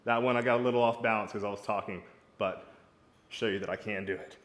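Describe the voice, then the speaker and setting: A man's voice: lowish voice, steady tone, fast, a bit bright. A man coaching golf fitness, demonstrating exercises while talking casually and encouragingly in a hot home garage, a little out of breath. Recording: echoey garage.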